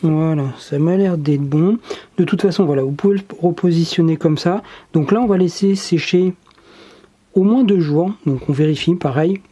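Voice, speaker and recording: A laid-back workshop tutorial host talks through a repair job step by step. The voice is mellow and a little dark, at an everyday mid pitch. The delivery is easygoing and halting, with frequent filler pauses. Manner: relaxed, hesitant, many filler pauses.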